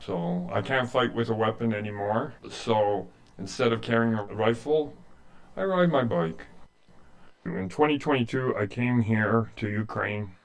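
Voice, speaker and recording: A creaky, mid-range voice with lively intonation and a measured pace comes from a Canadian man in his late sixties, from rural eastern Ontario. Interviewed as a humanitarian aid volunteer, he recounts his own story in an earnest, plain-spoken manner with a Canadian accent.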